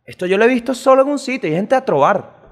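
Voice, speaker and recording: A man with a Venezuelan accent who hosts a comic news show and rants fast, swears a lot, and jumps sharply in pitch. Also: animated, vocal fry, in a large hall. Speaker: host.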